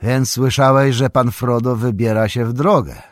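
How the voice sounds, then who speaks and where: A man voicing a stern old male wizard, speaking gravely and measured. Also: mid-range voice, steady tone, no echo, clean studio sound, voice pushed up, lightly acted. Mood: amused.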